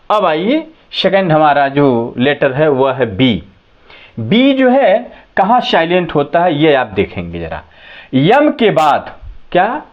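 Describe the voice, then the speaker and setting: A man's voice: on the high side, lo-fi sound. A man teaching English pronunciation, spelling letters out one by one and asking the class rhetorical questions. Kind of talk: classroom-style lesson.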